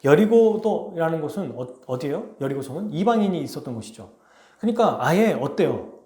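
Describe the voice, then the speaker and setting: A man preaching a sermon as pastor, telling a story with lively, questioning delivery to his congregation. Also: fairly high pitch, brisk, reverberant. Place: church sanctuary.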